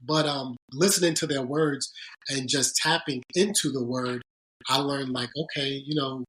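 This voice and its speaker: On a podcast, a man reflects on his career as a sports agent, telling stories in an earnest, thoughtful, halting way and often restarting his sentences. His voice sits in the mid-range with fairly even intonation and a fairly bright tone, and the recording is rough.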